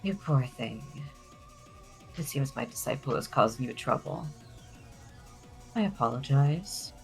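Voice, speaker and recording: An amateur performer acts out an elder witch teacher, composed and stern. The speech is formal, measured and commanding, over background music. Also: medium pitch, lively intonation, creaky, low-quality recording. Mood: courteous. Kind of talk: dramatic amateur voice-over of a visual novel.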